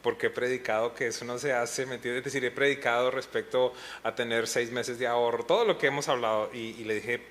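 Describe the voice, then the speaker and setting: A man's voice: medium pitch, fairly even intonation, fast, hardly any pauses, fairly bright tone. A middle-aged man, a pastor, telling a personal story with feeling, sometimes retelling moments when he was in tears. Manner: earnest storytelling with emotional retellings. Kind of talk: testimony in a pastors' panel talk.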